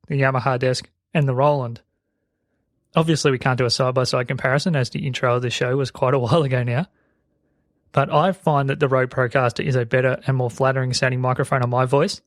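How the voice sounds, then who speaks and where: The recording has no room sound, just an Australian podcaster's mid-range voice on a close broadcast dynamic microphone. He explains things with strongly sibilant speech.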